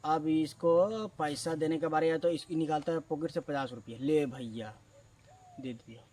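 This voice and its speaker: A man telling a comic story in a casual, animated way, swinging between loud and hushed. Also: fairly high pitch, moderate pace. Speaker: storyteller, channel host. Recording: distant mic with faint background noise.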